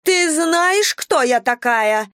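A woman voicing a pushy older female neighbor with a shrill, squealing, accusatory voice. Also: lively intonation, slow, fairly bright tone, no room sound, studio quality, full character voice. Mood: contemptuous shrieking. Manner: screeching, accusatory.

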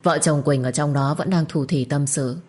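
A woman narrating a dramatic story in a steady storytelling manner. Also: deep voice, normal speed. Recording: faint background music.

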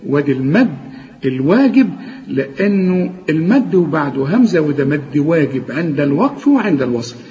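A man with an Egyptian Arabic accent teaching Quran recitation rules, explaining each rule and then chanting the example words slowly and drawn out. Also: a little high, lively intonation, warm tone. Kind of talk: tajweed lesson with chanted examples. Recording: dull, lo-fi audio with long reverb.

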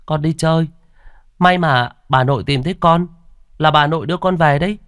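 A naive, earnest ten-year-old village boy, voiced by a man in a spoken storybook, pleading with his parents. The voice rides high and bright above the narrator's own, recorded close and dry. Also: a little fast, clear, resonant tone, no echo, close to an everyday voice. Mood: innocent. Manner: pleading and insistent.

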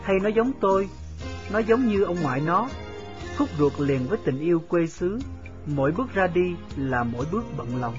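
A man's voice: high-pitched, expressive, moderate pace, muffled recording, music in the background. A man reading a first-person novel aloud in a wistful, reflective storytelling manner. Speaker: audiobook narrator.

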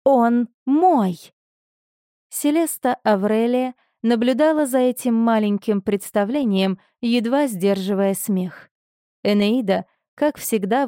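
A woman's voice: medium pitch, warm tone, dry recording. Woman narrating an audiobook, dry and close.

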